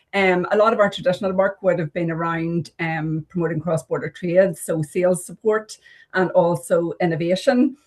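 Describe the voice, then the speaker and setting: A woman represents a business agency on a webinar. She has a fairly low voice and a self-deprecating, halting manner, full of fillers. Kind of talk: online webinar presentation.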